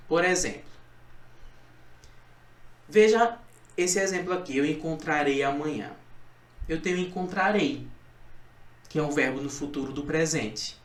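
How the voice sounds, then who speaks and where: A male teacher giving a recorded grammar lesson, explaining rules step by step and repeating key points. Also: a little high. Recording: echoey room, voice from a distance.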